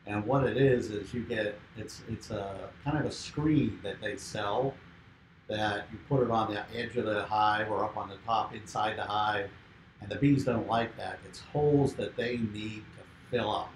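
A man, a beekeeper, explaining hive work in a relaxed, casual discussion. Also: lowish voice, moderate pace, roomy sound, a little hiss or hum, low-quality recording.

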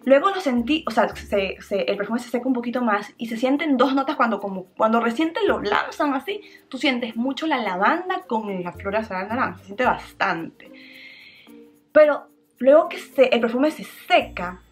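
A chatty, bubbly young woman with a slightly high voice, reviewing a perfume in a relaxed vlog. She often stretches emphasis words, and faint music plays underneath. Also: moderate pace. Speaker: beauty vlogger.

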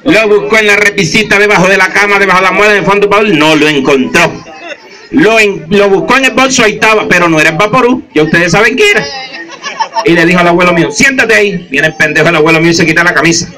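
A man's voice: high-pitched, quick pace, a faint crowd, rough recording. A man doing stand-up storytelling, acting out the voices of the people in his tales. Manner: animated, acts out voices of characters. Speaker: comedian.

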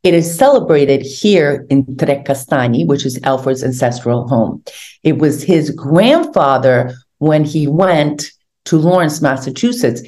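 Low, mellow-voiced woman on a video call. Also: measured pace. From Hungary. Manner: animated storytelling, gesturing with hands. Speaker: guest, tour organizer. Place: home room indoors. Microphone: video call webcam.

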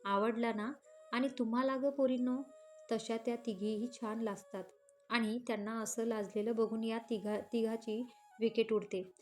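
A woman voicing a proud young woman in a read-aloud romance story, defiant and sharp-tongued. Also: fairly high pitch, steady tone, normal speed, faint music behind, lightly acted. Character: young woman, sulky, proud, angry at her ex.

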